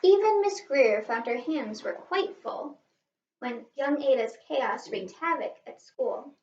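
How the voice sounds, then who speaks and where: A woman reading a children's picture book aloud in an expressive, animated way, like a teacher stressing the rhymes. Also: high-pitched, slow pace. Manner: animated, asks listeners questions, stresses rhymes. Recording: roomy, slightly distant, dull sound.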